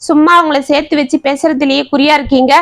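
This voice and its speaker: A woman's voice: sits high, steady tone, fast. A woman voicing an impatient, grumpy middle-aged man. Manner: impatient, dismissive.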